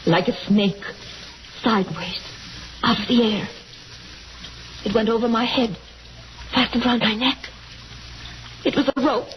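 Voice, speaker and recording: Actress as high-voiced frightened wife, old radio drama. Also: female voice, lightly acted. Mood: fearful, urgent. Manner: halting, breathless, insistent phrases. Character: small frightened exhausted wife, hysterical survivor of attempted murder. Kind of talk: 1940s radio drama acting. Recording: noisy muffled 1940s radio recording.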